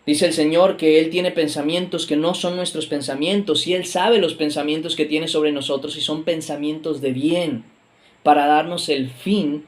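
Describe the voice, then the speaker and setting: A man's voice: a little high, steady tone, moderate pace. A man preaching a video sermon in a conversational, emphatic way, with reflective asides and self-corrections.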